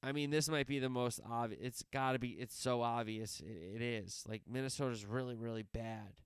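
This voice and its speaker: A man's voice: mid-range voice, steady tone, moderate pace, smooth, no room sound, studio quality. A man hosting a solo sports podcast, previewing games in a rambling way, wandering off on tangents and correcting himself as he talks.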